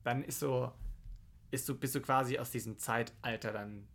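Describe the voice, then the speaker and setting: A man's voice: mid-range voice, steady tone, normal speed, fairly bright tone. A young man in his twenties in a casual, rambling chat, swearing and laughing along the way.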